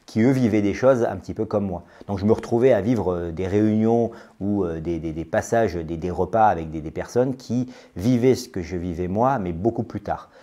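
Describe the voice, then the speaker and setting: Guesting on a podcast, a man from France nearing forty who runs his own business speaks in a low, mellow, dark-toned voice. He keeps stumbling, padding his pauses with fillers and saying words twice.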